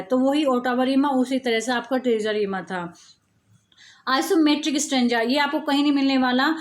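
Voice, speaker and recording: A woman teacher giving an exam-prep lecture, explaining slowly and repeating key terms. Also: high-pitched.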